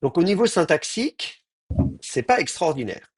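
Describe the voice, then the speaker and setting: Husky French teacher, lively pitch. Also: male voice, moderate pace, no room sound, studio quality. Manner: explanatory, hesitant with many fillers. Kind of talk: online class lecture.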